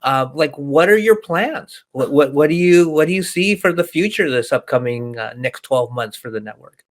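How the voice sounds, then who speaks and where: A man's voice: fairly high pitch, lively intonation, normal speed. A man hosting a podcast interview, upbeat and enthusiastic in casual chat. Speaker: podcast host.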